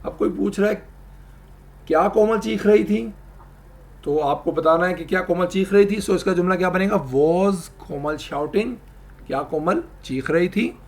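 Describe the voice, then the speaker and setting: Male teacher, slightly high voice, slow repeated example sentences. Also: vocal fry. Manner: addresses viewers, asks them to try. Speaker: English teacher. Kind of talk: spoken language lesson.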